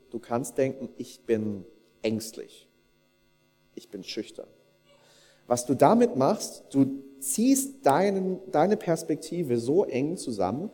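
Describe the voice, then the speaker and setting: Man preaching with a dark voice. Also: mid-range voice, in a large hall. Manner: conversational, addresses the congregation directly and polls them; acts out inner thoughts in quoted asides. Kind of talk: sermon.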